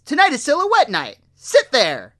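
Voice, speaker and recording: A man's voice: extremely high pitch, huge pitch swings, normal speed, sharp tone, voice pushed up, exaggerated voice. A man voicing a bossy, scolding elderly cartoon mother in a nagging, commanding manner.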